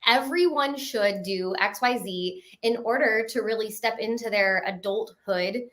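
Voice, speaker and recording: A woman in her thirties, a guest in a casual interview, talking in a quick, animated way and often laughing. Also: medium pitch. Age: 30s. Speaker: podcast guest.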